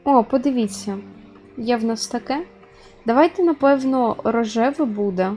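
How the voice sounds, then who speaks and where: A woman's voice: fairly high pitch, normal speed, mellow, faint music behind. A woman giving casual gameplay commentary, chatting straight to her viewers as she plays. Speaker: gaming video host.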